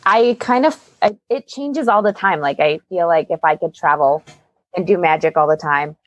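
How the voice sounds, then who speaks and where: Her voice runs on the low side at an ordinary pace, captured in a dry, muffled recording. A Canadian-accented magician's assistant and performer from Calgary, she's a guest in a casual interview, swapping personal stories.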